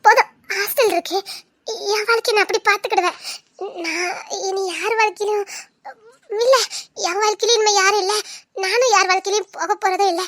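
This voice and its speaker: A woman's voice: extremely high pitch, a little fast, a bit bright. An actress playing a young wife who is ashamed and leaving. She speaks through tears, broken and half-laughing as she sobs. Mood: tearful. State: crying.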